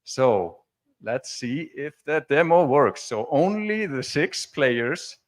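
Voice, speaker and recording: An Icelandic man on a conference stage talks an audience through a technical demo in a mid-range, sing-song voice at a slow pace. His delivery is informal, explanatory and conversational.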